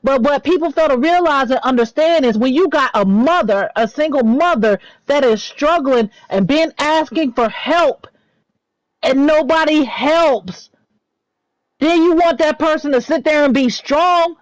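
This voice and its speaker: A woman's voice: high voice, unhurried, no room sound, rough recording. A young woman arguing bluntly and defiantly, swearing a lot and repeating herself. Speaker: guest in heated discussion. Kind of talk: heated argument.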